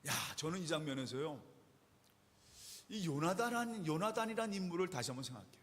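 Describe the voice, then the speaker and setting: A male pastor preaching a sermon, telling the story in an animated way with rhetorical questions to the congregation. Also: on the high side, fairly quick. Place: church sanctuary. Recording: reverberant church hall.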